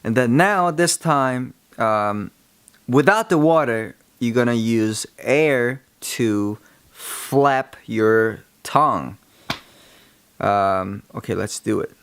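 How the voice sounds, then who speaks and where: A man giving a casual how-to lesson, explaining things in a halting, rambling way. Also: mid-range voice, animated, a bit bright, clean tone, no echo. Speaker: tutorial presenter. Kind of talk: casual instructional talk.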